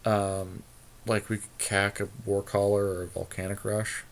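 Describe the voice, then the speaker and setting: Thinking out loud over his options in a card game draft, a male podcast co-host talks informally. He speaks on the low side, with a flat delivery and measured pace.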